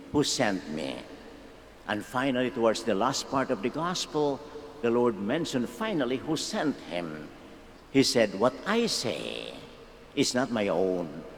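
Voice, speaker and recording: A priest, a man, proclaims scripture at an unhurried, deliberate pace, his pitch rising and falling widely. Every word carries a long church echo that hangs in the room. A faint hiss of ambience sits underneath. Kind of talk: liturgical reading and homily.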